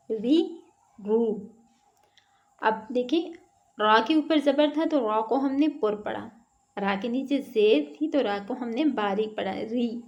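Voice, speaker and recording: A woman teaching Quran letter sounds, drilling syllables slowly one by one and then explaining how each is pronounced. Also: a little high, a little mellow. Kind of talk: slow recitation lesson. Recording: dull lo-fi online lesson audio.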